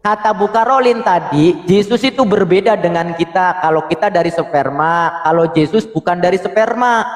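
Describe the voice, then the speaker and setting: A man debating online who presses the same question again and again and keeps asking the woman to stay calm. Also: high-pitched, normal speed, few pauses, roomy sound, long reverb tail. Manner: insistent, repeats his requests, urges calm.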